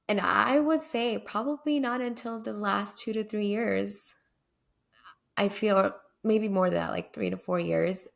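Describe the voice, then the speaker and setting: A woman's voice: mid-range voice, gravelly. A young woman co-hosting a podcast, talking candidly and reflectively, dotted with "like" and "right?" fillers. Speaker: podcast co-host.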